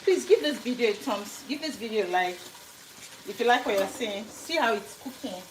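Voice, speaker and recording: This livestream features a Nigerian woman cooking at home and chatting casually, addressing viewers by name. She speaks at a normal speed in an animated, slightly high voice, with a little hiss or hum and roomy kitchen echo.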